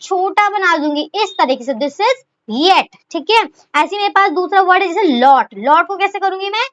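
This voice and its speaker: A woman's voice: very high-pitched, expressive, measured pace, a bit bright. A woman teaching a shorthand lesson, asking questions and answering them herself, and calling her students fondly as children. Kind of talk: explaining a lesson. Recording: dull lo-fi recording.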